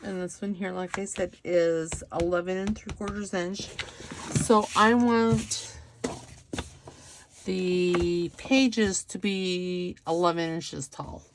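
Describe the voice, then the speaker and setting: A woman's voice: on the low side, fairly even intonation, slow pace, noisy background. A middle-aged woman hosting a casual craft tutorial, chatting and making self-deprecating asides as she works at her table. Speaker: craft channel host.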